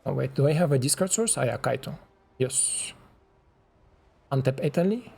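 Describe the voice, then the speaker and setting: A man's voice: medium pitch, expressive, normal speed, creaky, mellow, breathy edge, soft background music. A man giving casual commentary while he plays a card game, chatting to his opponent and to the game itself. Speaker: streamer playing a card game.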